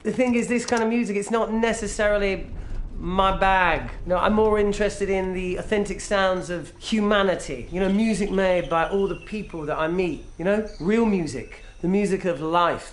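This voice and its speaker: An actor playing a smug, falsely modest aid worker who humblebrags pompously in a comedy game. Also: male voice, high-pitched, moderate pace, natural voice. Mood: pretentious. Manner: pompous, humblebragging, hesitant when bluffing. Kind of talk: acted comedy game dialogue. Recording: faint background noise on video call.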